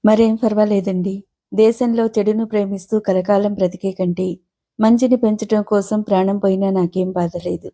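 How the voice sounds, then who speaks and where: A woman voicing a principled middle-aged male lecturer with a proud, earnest manner, read from a storybook in her own mellow voice. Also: medium pitch, steady tone, normal speed, close to an everyday voice.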